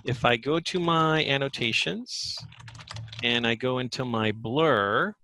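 A man working as a software trainer, giving a live screen-share demo in a webinar and thinking aloud as he goes. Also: mid-range voice, slow pace, slight background noise. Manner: thinks aloud while demonstrating.

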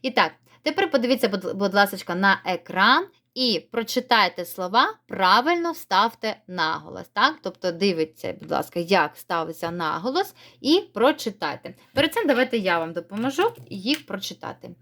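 A woman's voice: medium pitch, big pitch swings, fairly bright tone. Friendly woman teacher giving a children's lesson. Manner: slow, clear word-by-word dictation; friendly, encouraging instructions. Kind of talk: recorded reading lesson for children.

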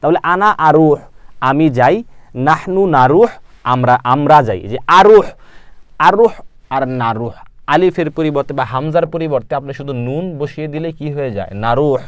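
A man's voice: on the high side, expressive, moderate pace, no echo, clean studio sound. A man teaching an Arabic lesson, repeating each word and asking then answering his own questions. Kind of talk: spoken language lesson.

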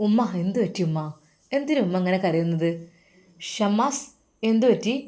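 A woman's voice: medium pitch, animated, normal speed, a little mellow, natural voice. A woman voicing a dutiful young businessman son who speaks politely and earnestly.

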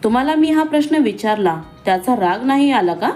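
A woman voicing a young female college student who talks in a quick, teasing and pointed way. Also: on the high side, animated, mellow, soft background music, natural voice. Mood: spirited.

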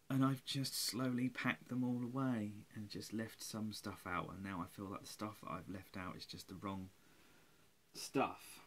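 Here the same tired, rambling vlogger in his forties sits at a close webcam in a small room at home, swearing and making fun of himself. His voice is on the low side with a fairly bright tone.

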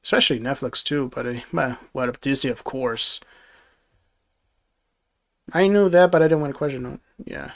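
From a small, dim bedroom studio, a young man hosts a casual livestream, answering viewer comments through a gaming headset mic. His medium-pitched voice moves at a moderate pace with frequent pauses, rambling along with many restarts and chuckles.

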